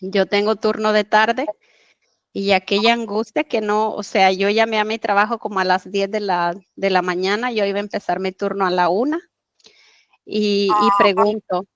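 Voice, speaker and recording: Woman, mid-pitch, earnest storyteller with halting pauses and fillers; dry, dull lo-fi capture. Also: steady tone, clear, resonant tone, no room sound. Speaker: interview guest. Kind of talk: personal storytelling in conversation.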